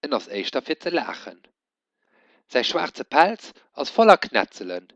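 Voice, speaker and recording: A man reading a children's story aloud in an expressive storytelling manner. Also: mid-range voice, measured pace, gravelly, dry recording. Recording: dull dry lo-fi recording.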